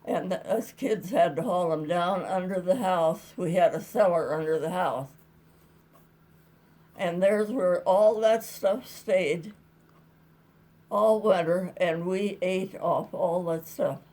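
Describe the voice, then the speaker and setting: This woman, over a hundred years old, is interviewed about her early years and answers with casual, rambling, plain-spoken stories. Her pitch is fairly low, her pace slow, and her tone dark.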